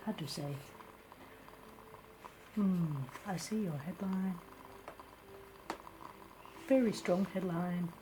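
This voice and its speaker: Woman doing a teasing palm reader lady, singaporean or malaysian accent, ASMR role-play, slowish and lowish voice, deadpan asmr comedy. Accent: Singaporean or Malaysian English. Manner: clipped grammar, musing hums, deadpan teasing. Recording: clear steady background noise.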